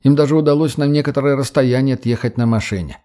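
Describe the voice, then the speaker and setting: A male audiobook narrator telling a tense story in a steady, dramatic way. His voice is warm and mellow and sits at a middle pitch. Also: fast.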